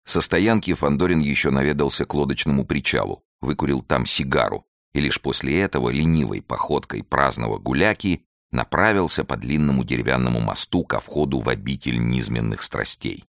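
A man narrating a detective audiobook in a measured, even storytelling manner. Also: rumbling low, creaky, no room sound.

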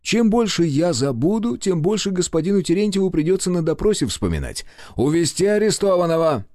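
A man's voice: sits high, very animated, fairly quick, warm tone, no room sound, clean studio sound, voice pushed up. A man reading an audiobook voicing an insolent, mocking gendarme captain in a raised voice. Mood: sneering. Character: smug sneering gendarme captain, middle-aged man.

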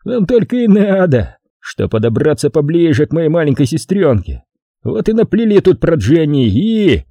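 A man's voice: on the high side, big pitch swings, normal speed, warm tone, dry recording, clean studio sound, pitched above the performer's own voice. A man reading aloud, voicing a huge, jealous young man who growls at a stranger. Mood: belligerent. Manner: growling, belligerent.

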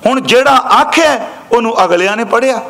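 A man preaching a sermon that explains scripture, chanting each quoted verse slowly and then explaining it in brisker speech while he speaks directly to his listeners. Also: very high voice, expressive, creaky, fairly bright tone. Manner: addresses listeners directly as an audience. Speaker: Sikh preacher giving scripture commentary. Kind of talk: katha sermon expounding scripture.

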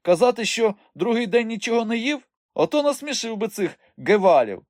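Man doing a sharp-tongued boy thief in a storybook reading, high and lively, dry sound. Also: moderate pace, dry recording. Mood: bitter. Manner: cheeky, defiant.

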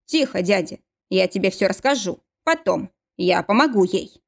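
Woman reading a gentle young nephew. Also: mid-range voice, animated, moderate pace, vocal fry.

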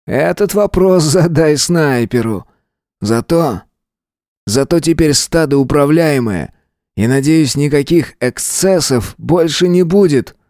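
A man reading an audiobook and voicing a callous young male shooter who mocks and threatens his hostages in a raised, deliberate voice. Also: a little high, lively intonation, darkish tone, dry recording, clean studio sound, pitched above the performer's own voice. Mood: cold threat. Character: cold menacing young male school shooter.

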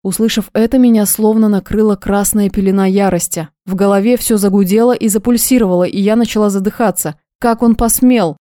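A woman narrating a first-person audiobook in a steady, expressive storytelling manner. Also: medium pitch, a little fast, few pauses, no echo, clean studio sound.

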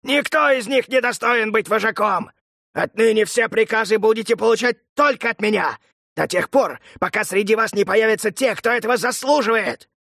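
A man voicing a brutal, furious male crime boss who snarls and shouts, in a storybook reading. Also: high voice, animated, vocal fry, slightly rough, no room sound, studio quality, pitched above the performer's own voice, exaggerated voice. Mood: enraged. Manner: snarling, shouting, drawn-out threats.

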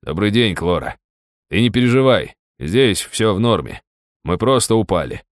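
A man voicing a sly young bully who speaks in a low, placating, quietly threatening way. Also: very animated, normal speed, dry recording, studio quality.

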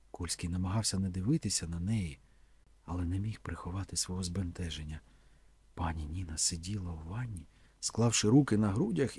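Male narrator, husky and lowish, dry close sound, measured reading. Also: darkish tone, dry recording. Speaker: audiobook reader. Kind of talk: scripted narration.

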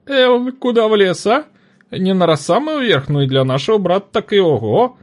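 A man's voice: high voice, sing-song, moderate pace, pitched above the performer's own voice. A man voicing a gossiping female market trader with a wailing tone in an audiobook. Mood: excited gossip. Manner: wailing, hysterical.

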